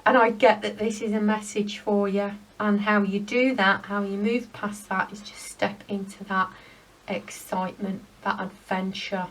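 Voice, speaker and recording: A woman giving a spiritual pick-a-card rune reading, speaking in a gentle, rambling, heartfelt way. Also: mid-range voice, level tone, normal speed, few pauses, recorded from a distance, rough recording.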